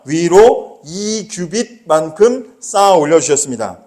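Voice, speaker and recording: A male pastor preaching a sermon, telling the story in an animated way with chuckles and questions to the congregation. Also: high-pitched.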